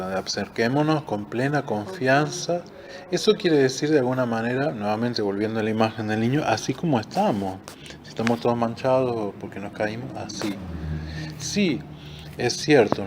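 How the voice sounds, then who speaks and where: A man's voice: medium pitch, moderate pace, background noise. Rioplatense man teaching a Bible class. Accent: Rioplatense Spanish. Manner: conversational, explains with examples, fills with "este". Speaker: discipleship teacher.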